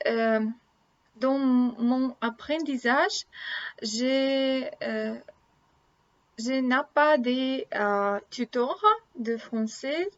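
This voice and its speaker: A woman in her thirties from Russia, a native Russian speaker with a Russian accent, talks casually to camera in learner French, haltingly searching for words. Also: a little high. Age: 30s. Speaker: language-learning vlogger. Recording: dull lo-fi sound.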